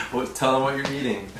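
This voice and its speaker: A father vlogging casually at home, rambling to a handheld camera. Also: on the low side. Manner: relaxed, rambling, talking to camera. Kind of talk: casual vlog chat. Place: home, indoors. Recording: echoey room with clear background noise.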